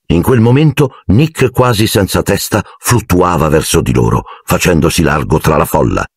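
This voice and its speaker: Low, gravelly male audiobook narrator. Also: normal speed, dry recording. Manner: expressive, animated reading. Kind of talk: audiobook reading. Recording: dry close recording.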